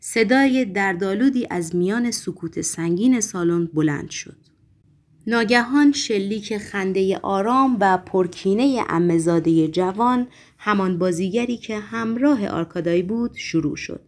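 A woman reading a novel aloud in steady, measured scripted narration. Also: mid-range voice. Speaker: audiobook narrator. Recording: faint background music.

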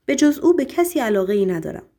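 A woman's voice: a little high, very animated, mellow, pitched above the performer's own voice. A woman voicing a weary, broken male writer in an audiobook, speaking in a resigned way.

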